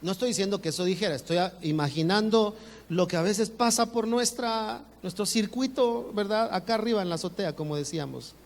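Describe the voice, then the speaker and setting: A man preaching a sermon as pastor, animated, acting out his congregants' voices. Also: fairly quick, vocal fry. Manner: animated, acts out congregants' voices with rising pitch. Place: church sanctuary. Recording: reverberant church hall, faint ambience.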